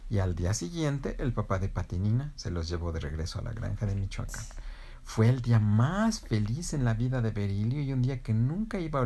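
Low-voiced woman telling a story. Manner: gentle, expressive storytelling. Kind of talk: children's story narration.

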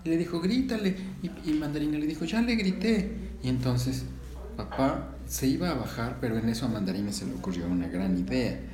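A man telling an improvised children's story at home, switching into high voices for the little characters. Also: fast talker, echoey room, a crowd in the background. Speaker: father telling a bedtime-style story.

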